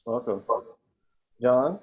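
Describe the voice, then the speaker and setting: A man's voice: mid-range voice, animated, drawn-out words, husky, dull audio. A man moderating a webinar over a video call, loose and conversational with light chuckles. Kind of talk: casual chat moderating a webinar.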